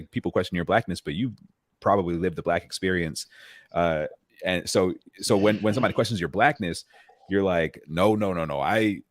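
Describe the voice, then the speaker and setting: A man's voice: low voice, no room sound, studio quality. A man co-hosting a panel talk, thoughtful and reflective, with many fillers. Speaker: podcast co-host. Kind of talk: casual panel discussion.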